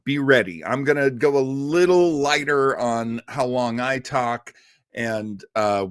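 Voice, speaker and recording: A man with a mid-range voice hosts a livestream in clean studio sound with no echo. He chats casually with live chat viewers and answers their questions, rambling with laughter and restarts.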